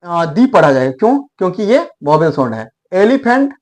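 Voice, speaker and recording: Animated male teacher explaining pronunciation. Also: sits high. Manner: repeats and drawls words slowly to demonstrate pronunciation. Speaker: English teacher. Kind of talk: explanatory lesson.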